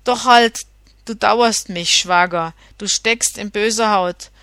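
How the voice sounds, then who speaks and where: A woman's voice: mid-range voice, slow pace, no room sound. A woman voicing a half-drunk, scheming male journeyman revolutionary, mocking and threatening, in an audiobook reading. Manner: mocking and threatening, loud outbursts.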